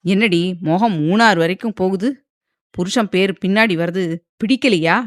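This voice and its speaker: A harsh young husband from a romance audiobook, sneering and threatening his wife with loud, clipped jeers, played by a woman narrator. The delivery is dry and close, with no room around it. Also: medium pitch, normal speed, no echo, natural voice. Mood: taunting. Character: arrogant taunting young husband, male. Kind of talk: audiobook character voice.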